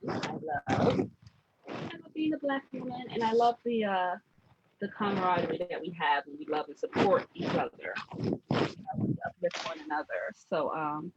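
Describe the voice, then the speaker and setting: A woman's voice: medium pitch, highs cut off. A woman who grew up in Germany as a military child, hosting a casual spiritual chat in an affirming manner and repeating phrases for emphasis. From grew up in Germany as an American military child. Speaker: host leading a vision board party. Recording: noisy background hiss.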